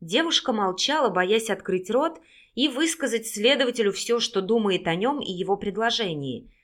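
A woman reading a novel aloud in a measured storytelling manner. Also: mid-range voice, lively intonation. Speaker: audiobook narrator. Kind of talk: read-aloud fiction narration.

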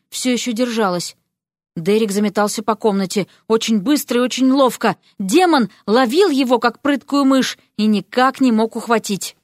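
A woman reading a fantasy story aloud with lively, expressive narration. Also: a little high, no room sound, clean studio sound. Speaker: audiobook narrator.

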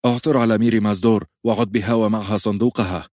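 Young queen barking orders, pregnant and scared underneath, voice pushed up high, man doing her. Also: steady tone, quick pace, darkish tone, dry recording, clean studio sound, lightly acted. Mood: commanding. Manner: urgent, giving orders. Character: young pregnant queen, commanding yet frightened.

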